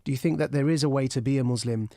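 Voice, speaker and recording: A man's voice: mid-range voice, rapid-fire, gravelly, mellow. A man hosting a radio phone-in, asking the caller earnest questions from a studio microphone. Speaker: radio host.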